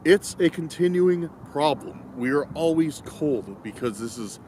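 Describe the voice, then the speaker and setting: A man from Illinois, out in the cold at night, vlogs to a handheld camera while exploring outdoors, chatting in a rambling, easygoing way and correcting himself. His voice is a little high, a little slow and a little mellow, with lively intonation and a little hiss or hum.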